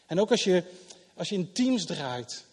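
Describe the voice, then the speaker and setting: A middle-aged man preaching a sermon in a church hall in a conversational manner, swinging between loud emphasis and soft asides. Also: sits high, big pitch swings, unhurried, husky. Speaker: pastor. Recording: long hall reverb.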